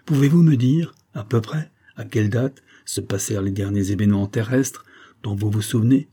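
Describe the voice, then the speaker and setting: A man's voice: on the low side, moderate pace, mellow, breathy edge. A man voicing an anxious husband who questions his wife in an insistent, probing way.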